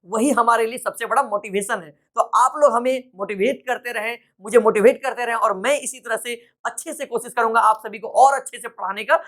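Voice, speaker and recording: A male English teacher giving a grammar lesson, patient and repetitive, often checking that students follow and spelling out example sentences slowly word by word. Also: very high voice, fairly bright tone.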